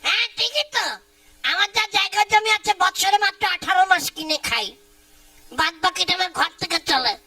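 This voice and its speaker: A woman's voice: very high-pitched, moderate pace, pushed and bright, poor audio. A woman voicing a foolish young bridegroom in a puppet show, whining and bragging. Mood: boastful.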